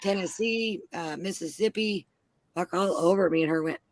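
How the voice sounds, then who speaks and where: A woman's voice: lowish voice, moderate pace, no echo. A woman from Minnesota on a panel, telling blunt, heavily profane stories in casual chat. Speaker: panel guest.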